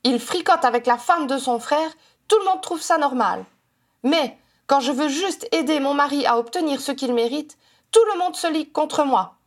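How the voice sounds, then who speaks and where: A woman's voice: high voice, expressive, normal speed, pitched above the performer's own voice. A woman reader voicing a strident, resentful young wife who accuses everyone around her. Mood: bitter, shrill. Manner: accusing, bitter, defensive.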